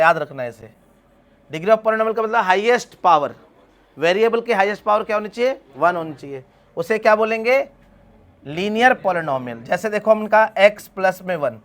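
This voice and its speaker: A math teacher with a high-pitched, fairly bright voice lectures his class, repeatedly posing questions to the students and answering them himself. He calls them beta as he guides them through each step.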